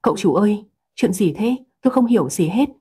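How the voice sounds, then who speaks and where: A woman reading the lines of an easygoing young man, a friend staying over, in her own soft, breathy voice. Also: medium pitch, expressive, fairly quick. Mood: confused.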